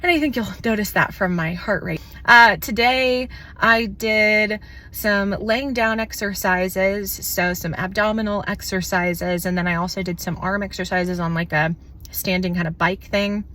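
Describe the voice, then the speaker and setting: Woman, vlogger, out of breath, shaky, slightly slurred slow words, candid, chatty. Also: medium pitch, steady tone, sharp tone. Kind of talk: casual vlog talk to camera.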